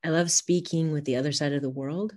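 A woman's voice: low voice, steady tone, fairly quick, darkish tone. A woman, talking casually as a guest in an interview. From California, United States. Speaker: podcast guest, author.

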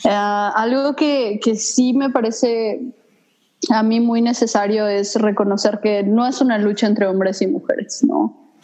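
A woman from Mexico City speaks in a relaxed, unscripted chat with a Mexico City accent. She talks thoughtfully and searches for her words, filling pauses with hesitant little sounds. Her pitch sits in the middle of a woman's range. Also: low-quality recording. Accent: Mexico City Spanish. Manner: thoughtful, hesitant, many fillers. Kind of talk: casual conversation.

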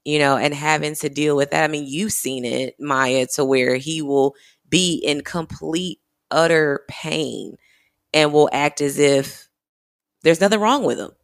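A woman in her thirties speaks in a candid, heartfelt way about her own life. Her voice carries a steady gravelly rasp, and she fills her sentences with "you know" as she thinks aloud. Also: deep voice, measured pace. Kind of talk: candid personal storytelling.

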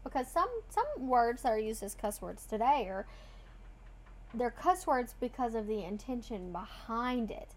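An earnest woman co-hosts a casual faith chat, explaining her points with a teaching tone. Her voice sits a little high. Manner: earnest, teaching tone with quick asides. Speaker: co-host.

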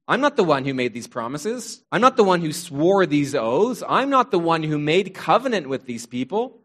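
Moses, pleading and worn out, speaking with a higher-than-average voice, put on by a preacher. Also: male voice, big pitch swings, normal speed. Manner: earnest, exasperated pleading. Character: weary, exasperated Moses pleading with God.

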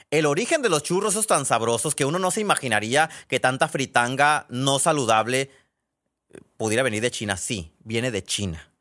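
A man's voice: on the low side, a bit bright. A man with a Mexican accent hosting a podcast, telling stories in a chatty, digressive way and often correcting himself mid-sentence. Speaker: podcast host. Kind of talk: casual storytelling monologue.

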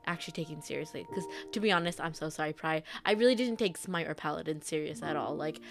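A woman's voice: deep voice, fast, creaky, music in the background. A young woman in casual chat about games, giggly and loose, swearing now and then.

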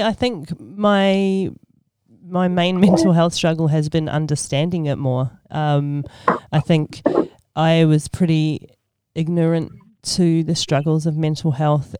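A woman's voice: deep voice, fairly even intonation, slow pace, mellow, clear, resonant tone, dry recording, clean studio sound. A woman in her forties from Australia, a podcast guest speaking in a thoughtful, hesitant way with many ums. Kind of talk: casual podcast chat.

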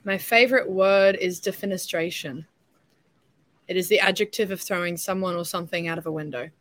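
A woman's voice: lowish voice, steady tone, fairly quick, a bit bright. A young woman chatting casually as an interview guest, talkative and self-deprecating. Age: young adult. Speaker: interview guest, beauty pageant contestant.

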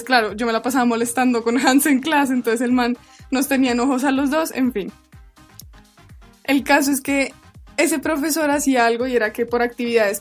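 A young woman, hosting a podcast and telling a story in a casual, animated way. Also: on the high side. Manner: animated, laughing while telling. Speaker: podcast host.

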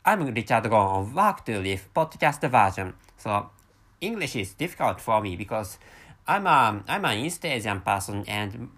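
A Japanese man in his thirties hosts a rambling solo podcast in English, his second language, with a Japanese accent. He speaks haltingly, with many restarts and repeated words. His voice is fairly low and fairly bright, swinging widely in pitch.

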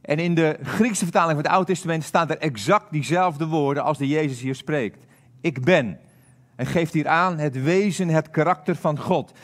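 A man's voice: fairly high pitch, normal speed. Earnest Dutch-speaking male pastor preaching. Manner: earnest, hesitant with many fillers. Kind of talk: sermon.

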